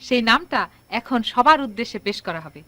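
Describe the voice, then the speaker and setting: An actress playing a strict, self-important schoolteacher who speaks in a bossy, formal way. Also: female voice, on the high side, sing-song, brisk. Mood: prim, commanding. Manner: bossy and formal, demands respect. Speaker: teacher.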